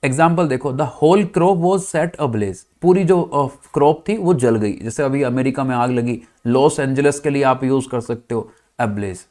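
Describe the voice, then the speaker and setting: A man's voice: medium pitch, normal speed, a little mellow. Indian man teaching vocabulary. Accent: Indian English. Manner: addresses students as "bachcha party", checks "clear?"; spells words out letter by letter. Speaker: English teacher. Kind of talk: vocabulary lesson in Hindi with English terms.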